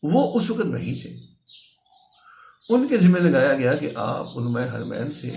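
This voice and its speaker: A man giving a measured religious lecture, patiently explaining his points with worked examples. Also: mid-range voice, sing-song, gravelly, darkish tone, faint music behind. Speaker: religious speaker. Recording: echoey room.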